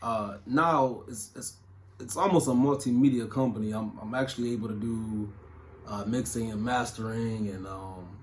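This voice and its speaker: Answering interview questions loosely and casually, a music producer in his thirties from Toledo, Ohio, uses lots of fillers and slang. His voice is lowish at normal speed, with slight background noise.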